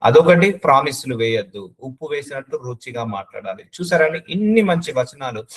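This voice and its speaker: A man's voice: mid-range voice, lively intonation, a little fast, poor audio. A middle-aged man preaching a sermon in an emphatic, repetitive way. He drives each point home by saying it again and again. He drops English words into his speech as he goes. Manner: emphatic, repeats phrases, mixes in English words.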